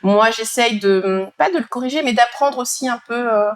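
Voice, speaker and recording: A woman with a Parisian French accent co-hosting a podcast in casual chat, telling things in an animated, informal way. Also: fairly high pitch, moderate pace, no room sound. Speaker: podcast co-host.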